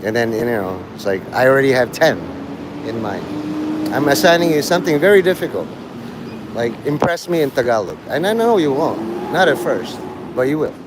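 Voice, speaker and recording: A live streamer gives a casual, rambling monologue to listeners, digressive and blunt, with profanity. His mid-range voice has lively intonation and a brisk pace, and outdoor traffic and vehicle noise come through clearly.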